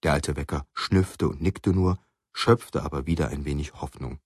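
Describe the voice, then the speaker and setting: A man narrating a children's story in an expressive storytelling manner. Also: a bass voice, moderate pace, breathy edge, dry recording, studio quality.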